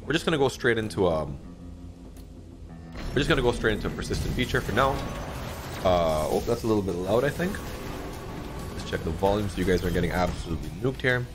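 Low-voiced man reacting to a slot game. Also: fast talker, long pauses, over music. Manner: excitable, swears a lot, frequent pitch jumps. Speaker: slot streamer. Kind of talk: casual gameplay commentary. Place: dim home streaming room, indoors.

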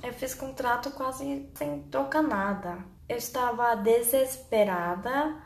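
Slow-talking young Korean-accented woman. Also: fairly high pitch, gravelly. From South Korea. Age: young adult. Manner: simple, careful second-language phrasing. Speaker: vlogger. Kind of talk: casual storytelling to camera. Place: small bare indoor room. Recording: roomy echo, faint background noise.

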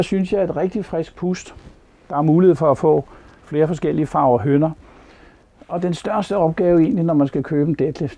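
A man's voice: fairly high pitch, gravelly, mellow. An older man plainly giving his opinion on a caravan while seated inside it. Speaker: caravan reviewer. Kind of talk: casual product review. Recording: slightly dull recording.

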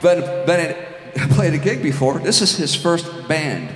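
Brief: male rock frontman, slightly high voice, loose stage patter, echoey club PA with band noise. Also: animated, unhurried. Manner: loose, joking band introductions. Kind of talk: stage banter between songs. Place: small club stage at a loud gig. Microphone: handheld stage mic through PA. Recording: echoey hall, amplified music behind.

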